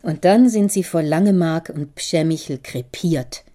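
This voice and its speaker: A woman voicing a worried older father who speaks gravely and warns his daughter. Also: sits low, unhurried, mellow. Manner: grave, warning tone.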